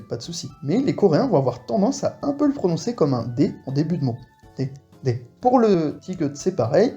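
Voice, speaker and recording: A man explains a lesson in a relaxed, casual way, slowing down to repeat example words. His voice sits a little high and swings widely in pitch, with a mellow, dark tone. Faint music plays behind him. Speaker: Korean language teacher.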